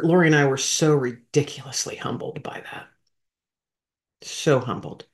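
A woman's voice: very deep voice, a little mellow. A woman, a veteran hosting a podcast, telling an emotional story in a heartfelt, rambling way and talking straight to her listeners.

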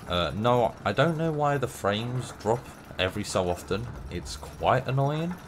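Casual, rambling, playful commentary comes from a young man with a runny nose who streams gameplay. He has a medium-pitched voice with lively intonation and keeps a measured pace. The game's noisy audio is audible under him.

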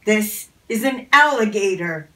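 A woman's voice: medium pitch, animated, unhurried, a bit bright, roomy sound, recorded from a distance. A woman voicing a smug, know-it-all male fox in a storybook, mumbling and scornful.

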